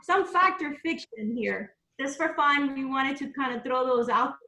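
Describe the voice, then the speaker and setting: A woman's voice: high voice, unhurried, sharp tone. A woman presenting a live webinar in a loose, conversational way, with frequent ums and asides. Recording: roomy echo.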